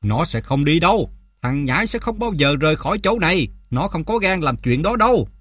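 A man voicing a cruel, drunken mother in an audiobook, shouting in a shrill, sneering way. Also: takes it slowly, dry recording, studio quality, close to an everyday voice. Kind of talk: audiobook character voice.

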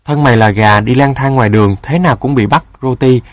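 Storybook dog, gruff guard with a soft heart, played by a man. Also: medium pitch, fast, dry recording, studio quality, close to an everyday voice. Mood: scolding. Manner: gruff and bossy.

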